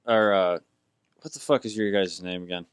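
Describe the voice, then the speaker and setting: A man's voice: low-pitched, normal speed, clear, resonant tone, no echo, clean studio sound. A young man narrating a tabletop game as game master, rambling and hesitant with fillers.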